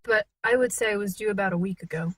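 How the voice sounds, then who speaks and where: A woman voicing a blind, pregnant teenage girl who speaks quickly. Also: medium pitch, fairly bright tone, no echo, natural voice.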